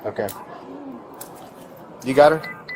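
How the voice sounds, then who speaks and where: A man working as a police officer, speaking in a mid-pitched, matter-of-fact, placating way while on duty. The body-camera audio is clearly noisy. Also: slow pace. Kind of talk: practical on-duty talk.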